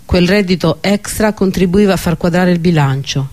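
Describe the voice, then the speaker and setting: A man narrating an Italian novel in a steady, expressive reading voice. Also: high-pitched, moderate pace. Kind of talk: audiobook narration.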